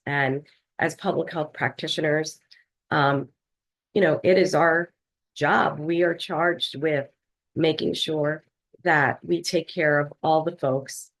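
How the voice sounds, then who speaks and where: Low, gravelly woman presenting on a call. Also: rough recording. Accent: Philadelphia. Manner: measured, with frequent fillers. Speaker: health department leader presenting to a board. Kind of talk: formal online meeting presentation.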